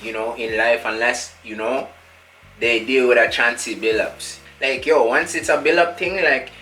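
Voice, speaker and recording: A man's voice: mid-range voice, fairly even intonation, unhurried, bright, forceful tone, soft background music, low-quality recording. A man playing a rambling street rapper. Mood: boastful. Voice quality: slang-heavy rambling with endless filler tags. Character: cocky young male street rapper, rambling, aloof. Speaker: musician being interviewed. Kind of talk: comedy sketch.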